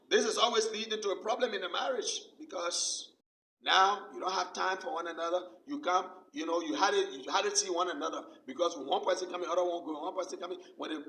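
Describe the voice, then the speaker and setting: A man's voice: sits high, pushed and bright, a little hiss or hum. A male pastor preaching a sermon with emphasis, repeating his key phrases over and over. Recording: roomy sound from a distant mic.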